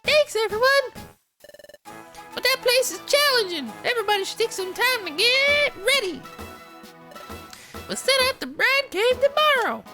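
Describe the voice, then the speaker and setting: A woman voicing a cheerful, childlike guild leader who makes high, bubbly announcements to a crowd of explorers. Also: expressive, a little slow, pauses often, music in the background. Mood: rallying.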